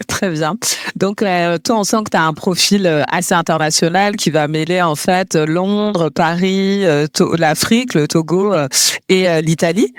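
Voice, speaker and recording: A woman's voice: lowish voice, a little slow, no echo. Chatty woman host, close dry mic. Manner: friendly, filler-heavy questions. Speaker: interview host. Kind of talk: casual interview hosting.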